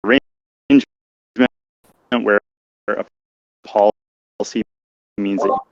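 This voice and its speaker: Man, breaking-up call audio, dull lo-fi sound, low voice, halting speech. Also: steady tone, vocal fry, dry recording. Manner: halting, stop-start delivery with fillers. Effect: choppy call audio breaking up. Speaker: game developer. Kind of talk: explaining game design on a live call. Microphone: online call.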